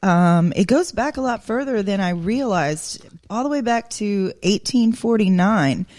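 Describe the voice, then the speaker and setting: A woman's voice: medium pitch, lively intonation, unhurried, a little mellow, no room sound. A woman co-hosting a podcast, chatting in a friendly way with many fillers. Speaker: podcast co-host. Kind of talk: casual podcast chat.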